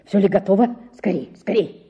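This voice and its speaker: A woman voicing a distraught, frantic father in a hushed, urgent voice, reading a storybook aloud. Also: medium pitch, fairly quick, breathy edge, lo-fi sound. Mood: hurried.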